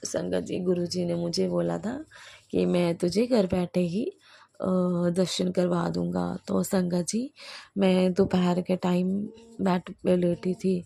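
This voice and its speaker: A woman recounts her spiritual experiences in a soft, hesitant way, pausing often. Her voice is heavily gravelly and dark in tone, with a flat, even melody. The sound is close and dry. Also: fairly low pitch. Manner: soft, hesitant, many fillers. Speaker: devotional channel host. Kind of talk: personal spiritual testimony.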